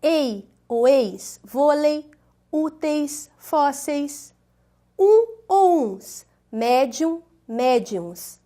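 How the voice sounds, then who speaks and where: A woman teacher giving a scripted video lesson, speaking clearly and stressing the syllables of example words. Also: high-pitched, expressive, extremely slow, dark tone. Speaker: Portuguese language teacher.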